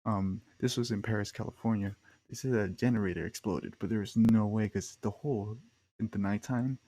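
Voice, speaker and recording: A young man on a podcast, talking in a loose, rambling way, full of slang and fillers. His voice sits fairly low, with a gravelly edge and a dark, mellow tone. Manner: rambling, slangy, laid-back with frequent fillers. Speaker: podcast host. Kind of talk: casual storytelling monologue.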